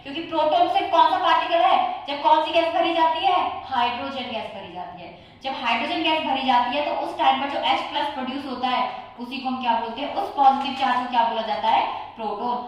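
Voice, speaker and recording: Woman teacher, high voice, quizzing and self-answering, distant mic in a very echoey room. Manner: poses questions and answers them herself. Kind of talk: exam-prep chemistry lecture.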